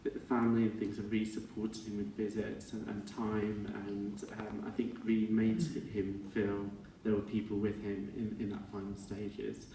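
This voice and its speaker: Middle-aged male, lowish voice, hesitant reflective eulogy delivery, distant mic with faint noise. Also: monotone, dark tone, echoey room. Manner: halting and reflective, with self-corrections. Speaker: son giving a eulogy for his father. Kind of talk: informal funeral speech.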